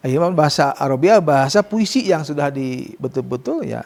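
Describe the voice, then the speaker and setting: A man teaching Quran recitation rules to students, explaining casually and modelling slow, drawn-out recitation. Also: a little high, animated, vocal fry, darkish tone, long reverb tail. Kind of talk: tajwid lesson with students.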